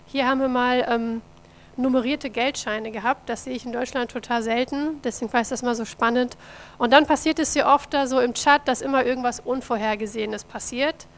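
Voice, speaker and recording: The speaker, a German woman who coordinates a mission office, gives a warm church presentation about her work, illustrated with slides and addressed straight to the listeners. Her slightly high voice holds a steady tone at a fairly quick pace.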